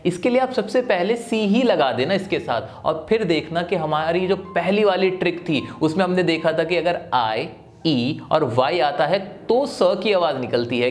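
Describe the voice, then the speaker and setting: A male teacher giving a spelling lesson in a video, explaining step by step and asking himself questions to answer them. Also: a little high.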